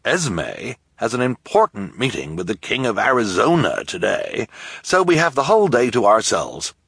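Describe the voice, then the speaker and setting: A man's voice: on the low side, big pitch swings, normal speed, creaky, a bit bright, slightly rough, dry recording, voice pushed up, exaggerated voice. A man voicing a meek, kindly male guardian who speaks mildly and apologetically in a storybook reading. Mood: friendly mild. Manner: mild, apologetic, eager to please.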